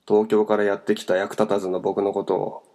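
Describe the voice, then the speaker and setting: A bitter, tearful young man, pained and lashing out, as a male narrator voices him. His voice sits low with a gravelly grain. Read as an audiobook character. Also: flat delivery, brisk, a little mellow, lightly acted.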